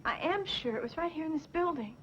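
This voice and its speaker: An actress playing a fragile, haunted young woman with halting speech in a 1970s TV horror mystery, on a dull, noisy soundtrack. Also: high-pitched, lively intonation, fairly bright tone. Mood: haunted, hesitant. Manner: hesitant, halting.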